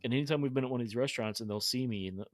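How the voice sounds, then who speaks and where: A man's voice: mid-range voice, racing, no echo. A young adult man hosting a podcast interview, talking enthusiastically with frequent restarts. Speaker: podcast host. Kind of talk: casual interview chat.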